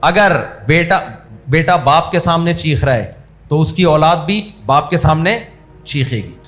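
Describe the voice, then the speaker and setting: A man's voice: a little high, lively intonation, fairly bright tone. A man preaching in a conversational, humorous style, acting out scolding voices to make his points. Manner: humorous, mixes in everyday English words. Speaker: Islamic preacher. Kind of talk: conversational sermon.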